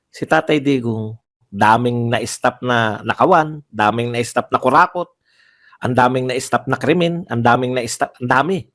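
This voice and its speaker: A man with a medium-pitched voice delivers heated political commentary on a livestream, firing off rhetorical questions and repeating phrases for emphasis.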